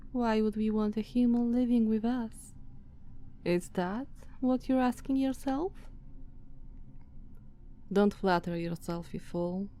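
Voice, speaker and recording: Playing an ancient vampire in an ASMR roleplay, a Slavic-accented woman sounds haughty, dominant and disdainful, issuing condescending commands and at times drifting toward a whisper. She has a warm, mid-range voice, and there's a little hiss or hum on the recording.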